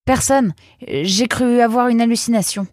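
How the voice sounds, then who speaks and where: A woman voicing an excitable young male fox, eager and exclaiming, with hesitant fillers now and then. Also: lowish voice, a little slow, breathy edge, no room sound, studio quality, voice pushed up.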